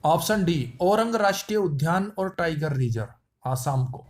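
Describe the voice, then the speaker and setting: A man with a high voice runs through quiz answers, one after another. He ties each answer to a silly pun and repeats it so it sticks. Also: animated, normal speed. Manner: playful wordplay, repeats lines. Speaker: quiz teacher. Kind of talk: memory-trick quiz lesson.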